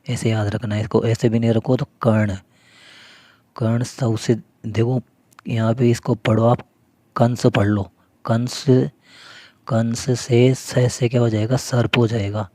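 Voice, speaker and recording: A man's voice: medium pitch, little pitch movement, measured pace, dark tone, no echo. A man teaching memory tricks for an exam, who keeps asking questions and answering them himself while calling viewers his friends. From Rajasthan, India. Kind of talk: mnemonic lesson explaining.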